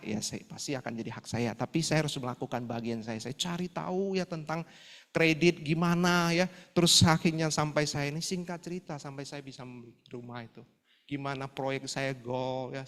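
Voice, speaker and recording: A male evangelist preaches a testimony sermon, telling his story with lively storytelling and acted-out prayers. His voice sits high. The sound carries a long hall reverb. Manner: animated storytelling, acting out prayers and dialogue. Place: fellowship hall.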